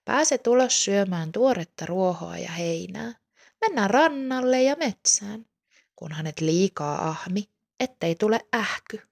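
A woman reading the lines of a shy ten-year-old girl, her voice raised a little higher. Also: expressive, vocal fry, a little mellow. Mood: timid.

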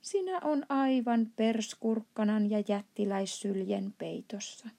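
A woman reading aloud plays a good-hearted giant from a storybook who fusses tenderly over a small friend. He talks softly, with a warm, breathy, slightly gravelly voice. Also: medium pitch. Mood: fond, indignant. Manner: soft and fond, turning to outbursts. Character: kind, gentle male giant with broken grammar.

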